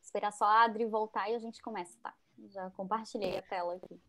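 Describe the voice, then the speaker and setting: A woman, an event organizer chatting casually and relaxed before a live online event. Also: mid-range voice, quick pace. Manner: relaxed, conversational.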